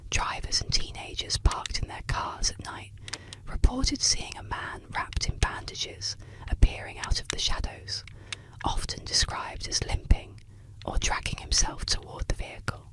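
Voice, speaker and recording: Soft ASMR whisper telling spooky legends. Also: rough recording. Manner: slow, soothing ASMR delivery for sleep. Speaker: ASMR narrator.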